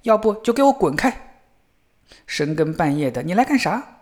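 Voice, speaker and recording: Guy putting on a blunt fearless country lad, high and loud, voice jumping all over. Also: big pitch swings, fairly quick. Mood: shouting. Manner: loud, shouting and eager. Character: naive fearless young man, bold and blunt.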